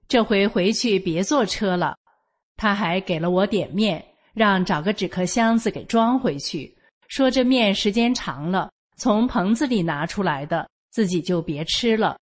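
A woman's voice: mid-range voice, lively intonation, measured pace. An older woman from Northeast China with a Northeastern Mandarin accent, telling a personal story in a homely, matter-of-fact way. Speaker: storyteller sharing a personal account.

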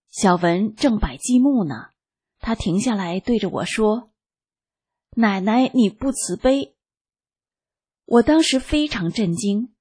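A woman reading a first-person testimony aloud as scripted narration, in a slow, calm and even manner. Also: mid-range voice, husky. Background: faint background music.

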